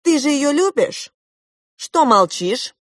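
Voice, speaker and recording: A woman's voice: sits high, sing-song, slow, fairly bright tone, no echo, studio quality, voice pushed up, exaggerated voice. A woman voicing a haughty young prince boy. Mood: boastful. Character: boastful young underwater prince, boy, proud and argumentative.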